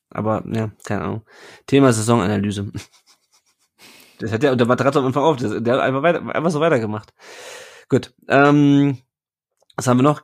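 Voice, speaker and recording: A man's voice: mid-range voice, creaky. A man hosting a casual football podcast, chatting with his co-hosts and reading listener comments aloud. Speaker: podcast host.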